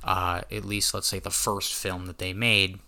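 A man's voice: sits low, little pitch movement, unhurried, pushed and bright. A young man chatting as a podcast guest, rambling with lots of restarts and frequent swearing. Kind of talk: casual chat.

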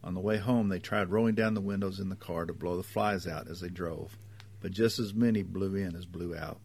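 A man narrating a story in a measured, even reading voice. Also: deep voice, husky.

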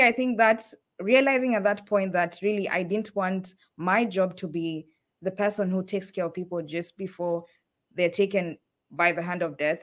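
A woman from Kenya, a guest in an interview, telling her career story in a lively way. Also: lowish voice. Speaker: fellowship guest, food production manager. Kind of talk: casual interview talk.

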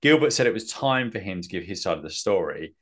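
Brief: male podcast host, lowish voice, chatty recap, self-deprecating, lots of ums. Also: expressive, quick pace, a bit bright. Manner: rambling, self-mocking, many fillers. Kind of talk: casual recap chat.

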